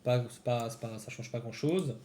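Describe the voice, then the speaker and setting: A man's voice: medium pitch, normal speed, mellow, reverberant, a little hiss or hum. A man giving casual live-coding commentary to his viewers, thinking aloud as he types. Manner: thinks aloud, chatty, talks to viewers while typing. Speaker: developer streaming a coding session.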